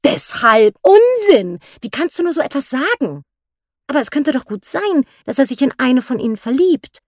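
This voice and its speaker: An excitable, gossipy middle-aged mother from an audiobook, put on by a woman narrator, her voice pitched high and swinging widely. She talks in a shrill, eager rush of exclamations. The recording is dry and close. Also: normal speed, no echo. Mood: exasperated.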